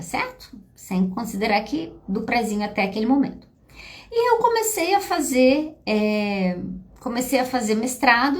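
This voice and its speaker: A middle-aged Brazilian woman, a psychologist, talking casually to viewers on a live stream and addressing them directly. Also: a little high. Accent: Brazilian Portuguese. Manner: chatty, addresses listeners directly.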